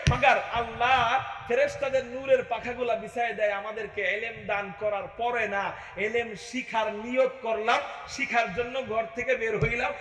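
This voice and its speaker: A male preacher delivering an impassioned sermon to a crowd at an open field gathering, rising to shouts and chanting verses. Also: very high voice, roomy sound, in a large hall.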